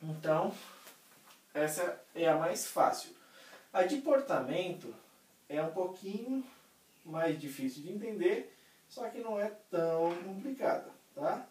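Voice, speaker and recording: A man's voice: high voice, expressive, measured pace, long pauses, a little mellow, recorded from a distance. A man teaching music theory in a casual lesson, explaining step by step, checking in with his students and singing short examples. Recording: roomy, voice somewhat off-mic.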